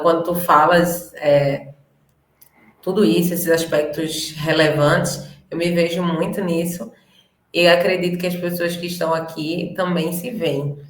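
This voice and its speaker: A woman with a Brazilian accent hosting a live conversation, sharing personal experience and asking questions, talking straight to the audience. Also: low voice. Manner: personal, talks to the audience directly. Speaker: host. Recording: roomy echo.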